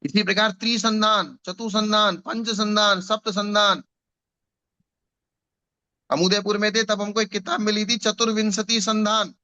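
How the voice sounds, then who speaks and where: Bright high-voiced man explaining scripture. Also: flat delivery, unhurried, muffled recording. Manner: patient, explains with examples and repetition. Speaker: Jain scripture teacher.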